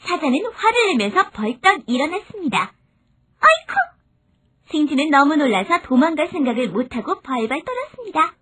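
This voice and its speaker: Bright-voiced woman narrating fables. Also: sits high, sing-song, brisk, hardly any pauses. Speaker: storyteller.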